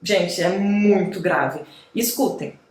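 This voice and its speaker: A woman's voice: on the low side, slow, reverberant. A woman music teacher with a Brazilian Portuguese accent, explaining voice types in a chatty online lesson and often checking in with her listeners. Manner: chatty, explanatory, frequent tag questions.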